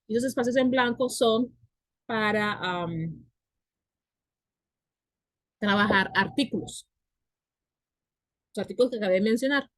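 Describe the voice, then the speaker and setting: A woman teacher whose first language is Spanish walks through English grammar at a slow, unhurried pace, repeating and sounding out words with patience. Her voice sits at a middle pitch, and it is recorded close and dry with almost no room sound. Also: no room sound. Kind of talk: online class explanation.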